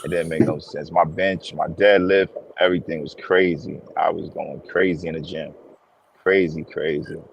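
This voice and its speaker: Man in 40s, very low voice, emphatic, repeats himself, casual panel chat. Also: fairly even intonation, normal speed, creaky, slight background noise, poor audio.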